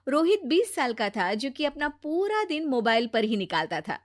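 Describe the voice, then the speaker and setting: A woman doing scripted storybook narration for a family cartoon, plain and even. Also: high voice, normal speed, no room sound, studio quality.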